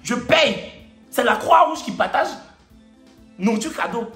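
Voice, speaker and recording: A man's voice: very high-pitched, measured pace, voice pushed up, full character voice. A man putting on an Ivorian accent to play himself, exasperated and mocking, in an echoey room with faint music. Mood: indignant. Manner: animated, mocking, rhetorical questions.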